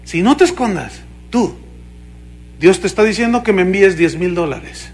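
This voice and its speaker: A man with a Mexican Spanish accent, a pastor preaching a sermon in an animated, mocking way, firing questions at the congregation. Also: high-pitched, moderate pace, husky, faint music behind.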